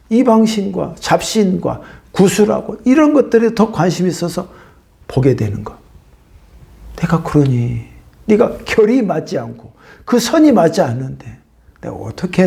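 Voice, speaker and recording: Gravelly-voiced Korean pastor preaching. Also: male voice, a little high. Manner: animated preaching, swinging between loud bursts and hushed whispers. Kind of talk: sermon.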